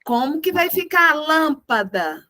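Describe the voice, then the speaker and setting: A woman with a fairly high voice leads a music lesson over a video call. She is encouraging and often chants words slowly, beat by beat. Her sound is close and dry, with no room echo. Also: very animated, bright, forceful tone. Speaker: music teacher. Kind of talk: teaching a group music lesson.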